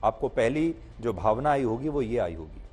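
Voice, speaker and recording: A man's voice: medium pitch, lively intonation, moderate pace, darkish tone, slightly rough, faint music behind. A middle-aged man delivering scripted news commentary as a TV anchor, in a pointed, emphatic manner.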